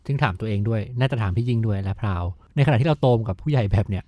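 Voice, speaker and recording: A man's voice: lowish voice, rapid-fire, warm tone, no echo. A man hosting a casual podcast chat, asking probing questions and telling stories. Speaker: podcast host.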